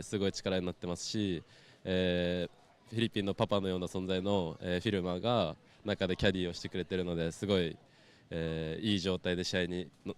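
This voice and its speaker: Male athlete in post-heat interview, very rapid delivery, clean slightly low voice. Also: clear, resonant tone. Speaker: competing surfer being interviewed.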